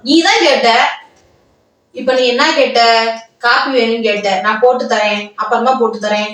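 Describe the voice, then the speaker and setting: A woman's voice: on the high side, a bit bright, very echoey, recorded from a distance, poor audio. A woman pranking her husband at home, bickering insistently and repeating herself. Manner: insistent, repetitive, quick bickering. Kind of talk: staged couple argument. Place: home room.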